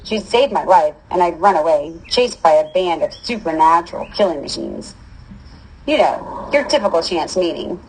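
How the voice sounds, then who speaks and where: A woman's voice: lowish voice, expressive, moderate pace, darkish tone, a little hiss or hum, poor audio. A woman reading a first-person story aloud in a casual, wry manner. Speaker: audiobook reader.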